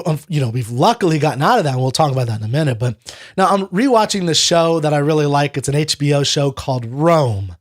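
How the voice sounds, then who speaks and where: A man hosting a livestreamed poetry discussion, talking in a loose, digressive way and sometimes acting out other people's thoughts. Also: on the high side. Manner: conversational and digressive, acting out inner voices. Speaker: host of a poetry discussion show. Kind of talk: casual livestream lecture.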